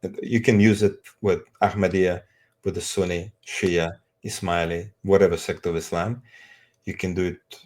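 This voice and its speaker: A middle-aged man with an Azerbaijani accent introducing himself conversationally, speaking haltingly in non-native English phrasing. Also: low-pitched, fairly even intonation, a little mellow. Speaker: street evangelist, co-presenter.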